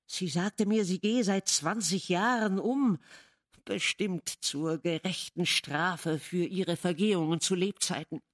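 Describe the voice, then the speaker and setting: A woman voicing a nervous, wordy gentleman guest who speaks in an agitated, hurried way. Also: fairly low pitch, no echo, clean studio sound.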